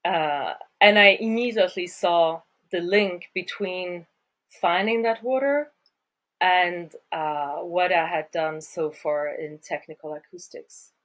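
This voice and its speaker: A Swedish woman who works as a water surveyor guests on a podcast interview, speaking English as a second language. Her lowish, fairly bright voice comes slowly, thoughtful and hesitant, with frequent fillers.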